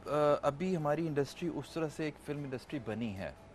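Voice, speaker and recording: A man's voice: fairly high pitch, expressive, moderate pace, slight background noise. A man from Pakistan, a guest on a talk show, chatting in a laid-back, joking way and mixing in English. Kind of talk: casual talk show chat.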